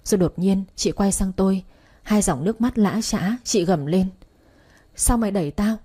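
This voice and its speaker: A woman narrating a story with a steady, measured reading. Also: mid-range voice, slightly rough. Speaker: audiobook narrator.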